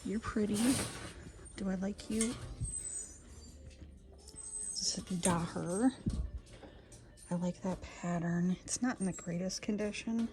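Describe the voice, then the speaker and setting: A woman vlogging as she browses a thrift store for vintage pieces to resell, often whispering excitedly to the items. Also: medium pitch, slow, pauses often, music in the background. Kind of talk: thrift store vlog narration.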